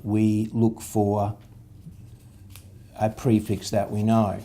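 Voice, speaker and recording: A man's voice: fairly low pitch, warm tone. A man, patiently explaining a reading method step by step, spelling out letters and sounds. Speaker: literacy tutor.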